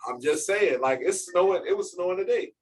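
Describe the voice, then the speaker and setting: A man's voice: high voice, lively intonation, a little fast. A man hosting a casual chat show, laid-back, slangy and teasing. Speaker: podcast host.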